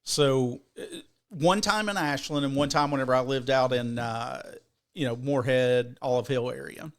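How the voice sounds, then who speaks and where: A man co-hosting a podcast, telling a rambling, profane story in an animated way with many restarts. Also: medium pitch, normal speed. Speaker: podcast co-host. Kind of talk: casual storytelling.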